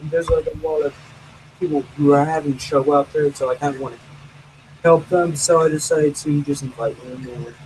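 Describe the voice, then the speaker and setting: Young guy host, kinda high voice, ums and uhs everywhere, voice call. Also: fairly even intonation, moderate pace, darkish tone, slight background noise, low-quality recording. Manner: rambling, lots of fillers. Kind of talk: casual chat over voice call.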